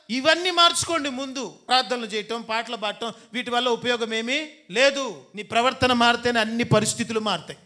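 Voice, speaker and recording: A man's voice: very high-pitched, pushed and bright. A man preaching a sermon in church, firing rhetorical questions at the congregation and building to emphatic exhortation. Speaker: pastor.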